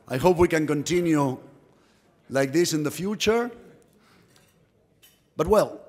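Middle-aged man, English; executive's earnest welcome address from a podium mic, long hall reverb. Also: fairly high pitch. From Uruguay. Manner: earnest, proud, repeats words while searching for phrasing. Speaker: company executive giving a welcome speech. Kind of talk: formal welcome speech. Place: indoor press room at a podium. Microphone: podium microphone.

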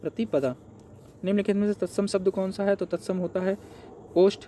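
A man with a high, mellow voice takes learners through an exam paper as their tutor. He asks each question out loud and then answers it himself, step by step. A faint hiss of noise sits under the recording. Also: fairly even intonation, fairly quick.

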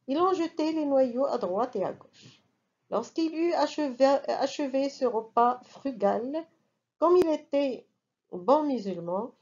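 A woman reading a bedtime story aloud in a slow, soothing manner. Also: sits high, a little mellow, muffled recording.

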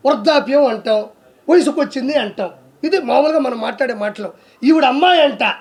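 Very high-pitched man ranting aggressively. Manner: aggressive, accusing, fires off rhetorical questions. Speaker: political commentator. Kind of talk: heated political commentary.

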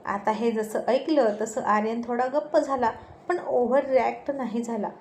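Expressive woman storyteller, echoey room. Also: a little high, moderate pace. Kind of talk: serialized story reading. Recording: echoey room, faint noise.

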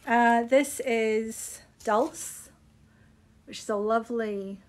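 A middle-aged Scottish woman presents products on a live shop stream, chatting casually and unscripted in a slightly high voice at a slow pace. She sounds appreciative, recorded in a small indoor room on a phone held at arm's length.

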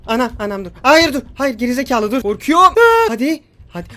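A young man giving excited let's-play commentary, joking, yelping and cursing at the game as he plays. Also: very high-pitched, a little fast. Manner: loud, jokey, yelps and curses at the game. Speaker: gaming YouTuber.

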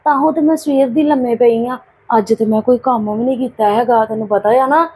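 A woman playing a sickly, put-upon young aunt who talks softly and wearily to a child in an amateur family drama. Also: a little high, a little fast, breathy edge. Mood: weary.

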